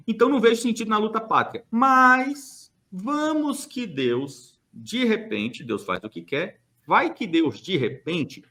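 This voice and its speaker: This Brazilian man's voice is high and fairly bright as he makes a forceful, argumentative case on a church podcast. His opinionated monologue is dotted with rhetorical questions and hesitant fillers.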